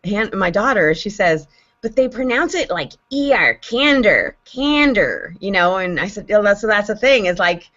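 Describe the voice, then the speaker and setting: A woman chatting casually on a homeschool panel, explaining things with animated, talkative energy. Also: medium pitch, normal speed. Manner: chatty, animated when explaining, spells out letters. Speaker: homeschooling parent, panel host. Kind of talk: casual online panel chat. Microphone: video call. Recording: dull lo-fi video call audio.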